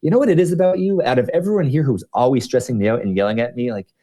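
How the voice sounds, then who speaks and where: A man voicing his young male coworker as an eager, curious young man who keeps firing off excited questions. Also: medium pitch, racing, pitched above the performer's own voice, close to an everyday voice.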